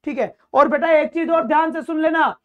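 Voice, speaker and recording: Male coaching-class teacher with a high voice, chatty and quizzing, calls students "beta". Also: moderate pace, phone-quality sound. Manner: explains English grammar in Hindi with English terms; chatty, mixes in course announcements. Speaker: exam-prep teacher. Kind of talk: online exam-coaching lesson.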